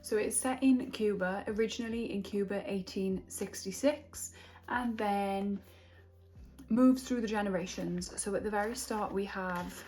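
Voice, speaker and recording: A young woman from Wales talks through a book she just finished in a relaxed reading vlog. Her voice sits at an ordinary middle pitch for a woman. She is chatty and reflective, trailing off and picking her thoughts back up. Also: unhurried. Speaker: book vlogger.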